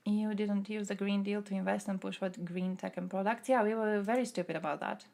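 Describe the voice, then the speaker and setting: Young Croatian woman streamer, casual political chat, gravelly, mid pitch, filler-heavy. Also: steady tone, a little fast, a little mellow. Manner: thinking aloud with fillers, reads chat questions out.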